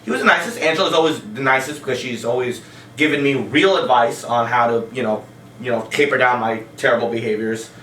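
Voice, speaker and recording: A man's voice: medium pitch, brisk, pushed and bright, slight background noise. A man, a stand-up comic, telling rambling, profane stories on a casual podcast and often breaking into laughs. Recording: roomy sound from a distance.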